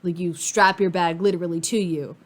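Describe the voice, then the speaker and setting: A woman giving casual, rambling fan commentary on cartoon costume design, informal and thinking out loud. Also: fairly low pitch, fairly even intonation, fairly quick.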